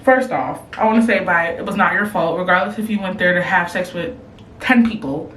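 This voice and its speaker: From a room in her home, a young advice vlogger briskly works through submissions in a lowish voice, her takes blunt and slangy and her reactions animated. A camera records her, then a phone. The sound is poor and roomy, the mic far away, with a faint hiss or hum.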